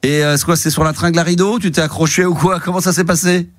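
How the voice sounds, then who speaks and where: A man's voice: fairly high pitch, fairly even intonation, fast talker, no room sound, studio quality. A man hosting a late-night radio call-in show, teasing a caller and laughing often. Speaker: radio host.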